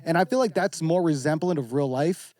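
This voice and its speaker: A man chatting as a podcast guest, his voice sitting a little high. He tells stories in an animated, profane way, often breaking into mocking impressions of other people. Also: fairly quick. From former Navy serviceman. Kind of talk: casual podcast chat.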